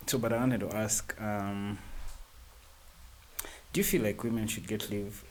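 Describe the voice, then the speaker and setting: A man's voice: on the low side, fairly even intonation, measured pace, darkish tone, a little hiss or hum. A man hosting a casual podcast interview, teasing his guest and pressing with questions. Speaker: podcast host.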